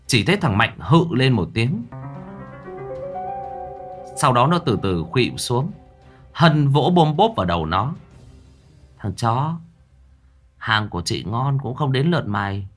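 A man narrating a story in a dramatic, animated way. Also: medium pitch. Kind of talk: scripted storytelling.

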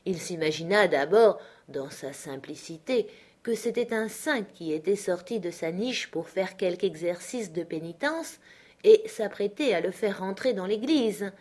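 A woman reading a classic novel aloud in a measured storytelling manner. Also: mid-range voice, expressive, darkish tone. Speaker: audiobook narrator. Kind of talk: literary audiobook narration.

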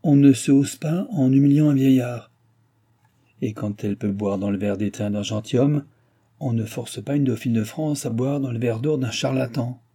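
A man's voice: mid-range voice, normal speed, mellow, husky. A man reading aloud, voicing a proud, imperious young princess in a raised voice. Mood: haughty. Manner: haughty, commanding.

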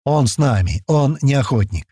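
Man voicing a commanding leader, firm, steady, lively pitch, dry close sound. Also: moderate pace, slightly rough, dry recording. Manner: firm and steady, takes charge. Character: calm, commanding adult man, group leader. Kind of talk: audiobook character voice.

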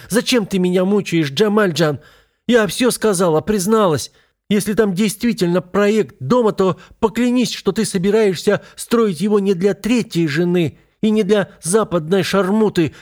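A man's voice: a little high, moderate pace, a little mellow, pitched above the performer's own voice, lightly acted. A man reading an audiobook, voicing a jealous young wife who pleads in a trembling half-whisper. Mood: distraught.

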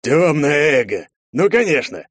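A man's voice: medium pitch, fairly quick, no echo, studio quality, voice pushed up, close to an everyday voice. A man narrating a fantasy audiobook, voicing a companion who exclaims in frustration. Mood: exasperated. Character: excitable male companion, frustrated.

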